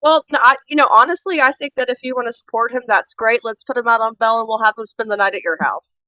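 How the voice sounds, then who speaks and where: A woman's voice: on the high side, fast, pushed and bright, no room sound, muffled recording. A woman guest co-host in a casual true crime chat, emphatic and opinionated, rambling through her points.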